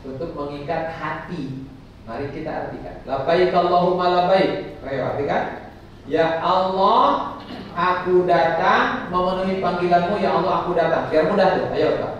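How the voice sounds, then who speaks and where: A man teaching a pilgrim group in a lively way, quizzing and joking with them and leading their chants. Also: high voice, normal speed. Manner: lively, quizzes and jokes with the audience. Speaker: umrah guidance teacher. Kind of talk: religious instruction to a pilgrim group. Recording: echoey distant dull recording with noise.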